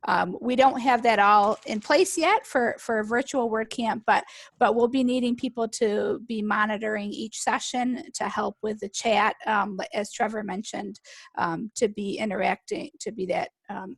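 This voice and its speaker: A woman's voice: medium pitch, gravelly, slightly rough, dry recording. A woman organizer on a video call giving announcements in a friendly, plain way. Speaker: meetup organizer. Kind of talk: casual video call chat. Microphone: computer mic on video call.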